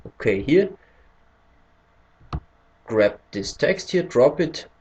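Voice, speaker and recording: A native German speaker from Austria talks through a screen-recorded English tutorial, hesitant and groping for words, with an Austrian German accent. His mid-range voice is sing-song and slow, with a darkish tone.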